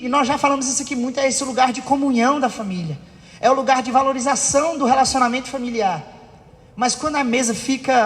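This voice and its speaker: A man's voice: very high-pitched, fairly bright tone. A man preaching a sermon in church, acting out family arguments and asking the congregation for agreement. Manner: acts out family quarrels with raised voice. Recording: long reverb of a church hall.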